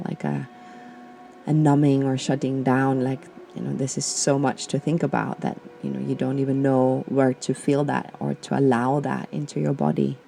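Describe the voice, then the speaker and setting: A woman from Austria hosting a podcast, guiding listeners through a slow, gentle reflection with many pauses and fillers. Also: very deep voice, gravelly, slight background noise. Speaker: podcast host. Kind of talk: guided reflection and personal talk.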